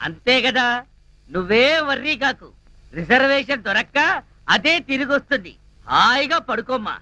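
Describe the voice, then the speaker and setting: A mocking, unbothered friend. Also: male voice, extremely high pitch, animated, normal speed, sharp tone, no room sound, full character voice. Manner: mocking, casual, dismissive. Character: teasing sleepy friend, unbothered. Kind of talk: horror comedy film dialogue.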